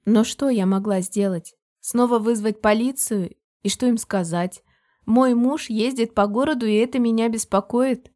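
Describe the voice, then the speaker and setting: A woman narrating a novel in the first person, in a steady, measured storytelling manner. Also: on the high side. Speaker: audiobook narrator.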